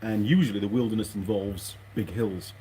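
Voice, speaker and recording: A man with a fairly low, dark voice talks at a normal speed, muttering to himself as he hosts a casual, rambling workshop vlog. He's a mechanic who meanders and hesitates as he goes. The noisy recording picks up clicks and the rustle of parts.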